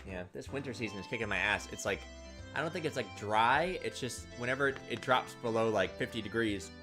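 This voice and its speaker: A gameplay host with a mid-range voice talks briskly, his throat raw and scratchy from the winter weather. He mixes casual, wry commentary with reading visual novel text aloud, and music plays behind him.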